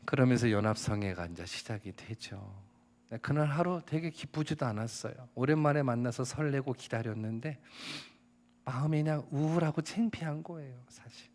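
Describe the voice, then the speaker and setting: Korean pastor preaching with vivid storytelling. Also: male voice, mid-range voice. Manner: storytelling sermon, acting out quoted dialogue, rising to shouts. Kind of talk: sermon.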